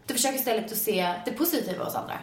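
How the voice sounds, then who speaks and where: A young woman guest chatting casually and telling stories with a giggly, animated manner, acting out her own reactions. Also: fairly high pitch. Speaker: guest, video maker. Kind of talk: casual chat. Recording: roomy echo.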